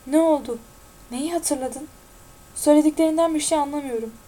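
A woman's voice: high-pitched, brisk, mellow, lightly acted. A woman reading the lines of a confused, frightened teenage boy who keeps asking anxious questions.

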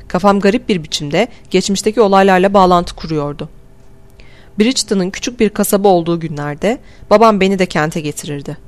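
A woman reading a novel aloud as a steady, measured audiobook narration. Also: lowish voice. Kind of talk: scripted narration.

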